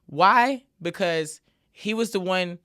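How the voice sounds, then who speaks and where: A woman hosts her podcast in a casual solo monologue, her voice smooth, on the low side and a bit bright, with a slow delivery. She speaks emphatically and repeats filler tags often.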